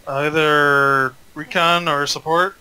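A man leading a squad in an online shooter game, excitable and prone to shouting orders. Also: a little high, takes it slowly. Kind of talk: casual gaming chat.

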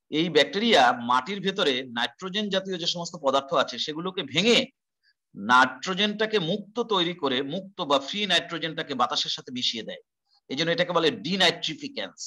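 Fast, bright-voiced man teaching a class. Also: a little high. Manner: explains step by step, repeats terms, asks rhetorical questions. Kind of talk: online class lecture.

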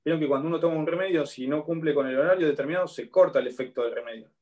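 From a bookshelf-lined room at home, an Argentine law lecturer in his thirties teaches an online university class through his laptop webcam on a video call, with the highs of the audio cut off. He speaks Argentine-accented Spanish in a slightly high, darkish voice, explaining things and pausing regularly to check in with the students.

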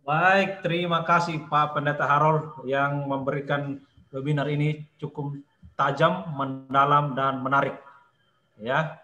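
A man hosting a webinar, thanking the speaker in a measured, formal way. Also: on the high side, steady tone, sharp tone, echoey room, lo-fi sound. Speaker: webinar host. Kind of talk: moderating a webinar.

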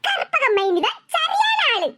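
A woman's voice: extremely high pitch, sing-song, a little slow, heavy background noise, pitched above the performer's own voice, heavily acted. A woman voicing a bold, outspoken young daughter in a cartoon, teasing in a Kanyakumari Tamil accent.

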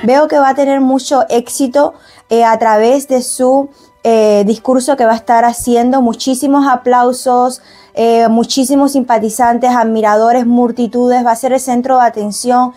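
A woman's voice: a little high, fairly even intonation, normal speed, warm tone, soft background music. A woman giving an emphatic tarot prediction at a table, piling up synonyms for stress. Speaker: tarot reader.

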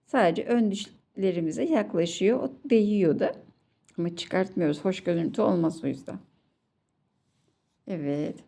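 A woman's voice: lowish voice, unhurried, vocal fry, long pauses, mellow. A woman teaching children to read Quranic letters, patiently drilling syllables one by one and repeating each sound. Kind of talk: slow children's recitation lesson.

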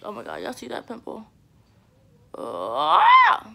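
A young woman vlogging in a casual, slangy, animated way, gossiping about reality-TV couples. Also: mid-range voice, brisk. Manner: chatty, slangy and animated, with playful asides.

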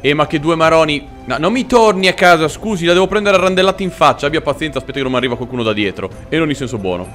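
A man doing let's play commentary in a raised, lively voice that leaps up and down in pitch. He swears freely and yelps when startled. He speaks to game characters with mock-formal politeness while faint game music plays behind him. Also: very fast, few pauses. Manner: excitable, swearing, shouting in sudden frights. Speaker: gameplay commentator.

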